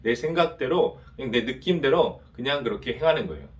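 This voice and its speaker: A man's voice: medium pitch, animated, a little fast. A male pastor preaching to a young adults' service, asking rhetorical questions and having the congregation repeat after him.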